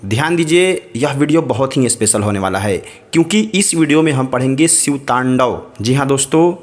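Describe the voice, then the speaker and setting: A man teaching a recitation lesson, chanting each word slowly syllable by syllable and repeating it, between spoken explanations. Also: mid-range voice.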